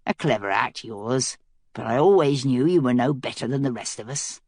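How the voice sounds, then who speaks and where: A woman reads a cynical caged man, low voice, slow mocking drawl, each jab pushed in lazily. he's dry and close in the audiobook, no room around him. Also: lively intonation, darkish tone, breathy edge, no room sound, heavily acted. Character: cynical scheming male prisoner, sly.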